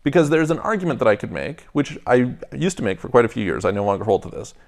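A man in his thirties co-hosts a relaxed podcast debate, working through his argument step by step and restarting his sentences often. His voice has a gravelly rasp at mid pitch. He is recorded on a lapel mic in a lounge studio set. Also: fast. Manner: thoughtful, restarts often, argues in steps. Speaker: podcast co-host. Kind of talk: casual debate chat.

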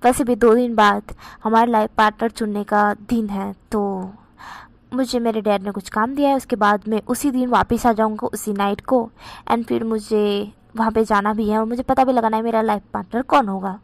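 A woman's voice: a little high, steady tone, moderate pace, dry recording, close to an everyday voice. Woman reading as a teasing young man. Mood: gentle. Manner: gently teasing, questioning.

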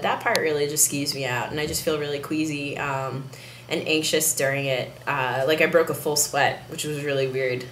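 A young man talking candidly to camera in a casual video diary, unhurried and soft-spoken. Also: fairly high pitch. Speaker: vlogger. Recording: roomy with faint background hiss.

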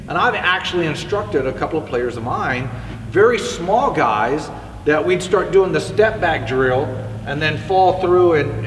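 A male hitting instructor with a slightly high voice gives a conversational coaching lesson to camera, demonstrating with a bat in an indoor batting cage with netting. The far camera mic picks up echo from the facility, plus a bit of hiss or hum.

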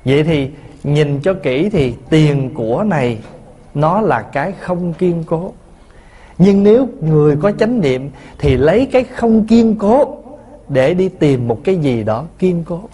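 Buddhist monk, storytelling sermon, slightly high voice. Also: male voice, animated, unhurried, mellow, slightly rough. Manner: storytelling, asks the listeners questions, chuckles. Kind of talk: dharma talk sermon.

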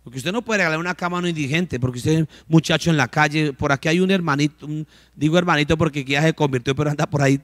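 A man's voice: on the high side, quick pace, a bit bright, no echo. A man, preaching a sermon as pastor, asking the congregation questions and acting out short dialogues.

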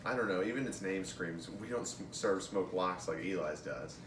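Reading from a script in his home, this young adult man voices both the stage directions and a part, his voice sitting low and his pace moderate. The camera recording him sits a few feet back, giving an echoey, distant room sound with clear noise.

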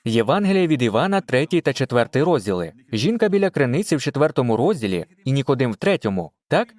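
A man's voice: mid-range voice, very animated, fast, darkish tone, no echo. A man speaking as a pastor in a voice-over, teaching from the Bible and often asking his listeners questions.

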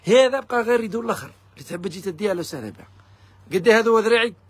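A man with an Algerian accent, pitching fabric discounts in a pushy live sales video. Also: animated, no echo. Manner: rapid, pushy hawking to viewers. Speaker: fabric shop seller.

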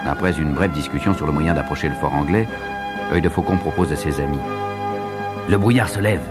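A man narrating an adventure audio story in a lively, dramatic way. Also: extremely low pitch, fast talker. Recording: loud music underneath.

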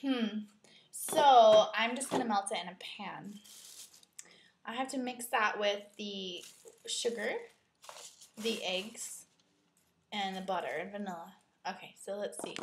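A woman's voice: mid-range voice, a little slow, long pauses. A woman chatting casually as she hosts a home baking video, rambling in a giggly, tipsy drunk way in a kitchen. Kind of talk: casual chat while cooking. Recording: echoey room with clear background noise.

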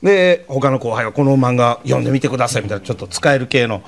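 A man telling a comic story in a relaxed, conversational way. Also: medium pitch, quick pace, vocal fry.

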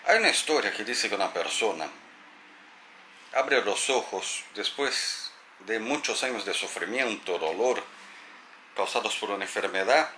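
A man speaking gently and thoughtfully as a teacher, easing into a story with a lively, rising and falling delivery. His tone is bright and clear. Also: medium pitch, slight background noise. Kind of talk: reflective spoken talk to camera.

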